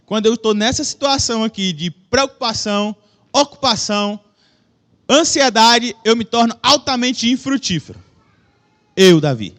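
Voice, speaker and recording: A young man with a Brazilian accent giving a relaxed, joking sermon in a church hall, speaking into a microphone and asking the audience questions. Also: very high voice. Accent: Brazilian Portuguese. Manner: chatty, joking, self-deprecating, addresses the audience with questions. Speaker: preacher. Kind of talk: casual conversational sermon. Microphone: microphone with a stage monitor.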